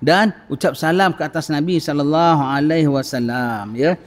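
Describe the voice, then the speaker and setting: Penceramah lelaki loghat Malaysia dalam masjid. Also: male voice, fairly high pitch, normal speed. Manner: animated, acts out dialogues, frequent "ha?". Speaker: religious lecturer. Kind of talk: mosque sermon lecture. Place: mosque. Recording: long reverb of a mosque hall.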